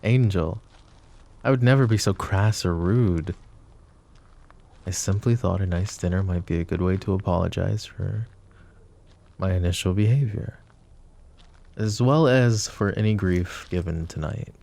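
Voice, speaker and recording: In a roleplay audio drama, a man plays a suave, possessive mafia boss who flirts with the listener, polished and courteous yet carrying an undertone of menace. His voice sits low and mellow, unhurried with long pauses, smooth and teasing in a silky, flirtatious mood.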